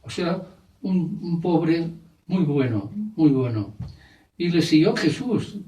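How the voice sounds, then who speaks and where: Mellow-voiced priest in an echoey church. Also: male voice, on the high side, animated, takes it slowly, recorded from a distance. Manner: simple storytelling with many fillers and restarts. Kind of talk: sermon.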